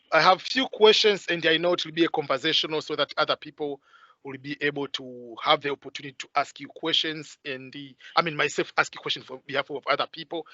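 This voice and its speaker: A man with a rather high, bright voice hosts an interview over a video call. He pauses often with hesitant fillers. The sound is dry and somewhat dull, like call audio. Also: no echo. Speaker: host.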